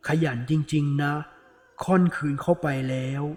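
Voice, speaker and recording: A man voicing a stern young ghost woman who guards treasure, speaking slowly and flatly with quiet menace. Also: on the high side, in a large hall, natural voice. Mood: cold, menacing. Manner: slow, flat, menacing speech.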